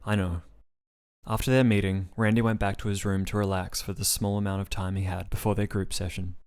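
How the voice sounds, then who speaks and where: A man narrating his own written story in a steady, plain reading style. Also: lowish voice, quick pace, clean tone.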